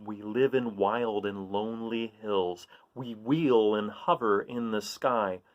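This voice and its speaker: At a slow pace and a fairly low pitch, a man reads a picture book for kids, chatting supportively and regularly asking his listeners questions. The audio is dull.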